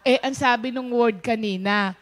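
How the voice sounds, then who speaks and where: Woman host, high pitch, storytelling testimony, Taglish, acts out dialogue. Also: normal speed. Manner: storytelling, mixes English into Tagalog, acts out quoted speech. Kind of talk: personal testimony told to viewers.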